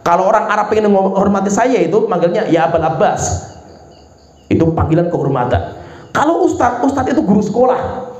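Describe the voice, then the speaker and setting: Lively male preacher, echoey dull sound. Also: high-pitched, brisk. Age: adult with a son. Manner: lively, rhetorical questions, repeated tag words. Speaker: Islamic preacher. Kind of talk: religious lecture. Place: home study gathering.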